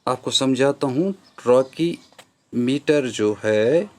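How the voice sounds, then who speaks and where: A man's voice: medium pitch, takes it slowly, a little mellow. A male teacher with a Kashmiri accent, explaining a poem's rhyme and meter step by step, slipping into English phrases. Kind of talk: classroom lecture on a poem.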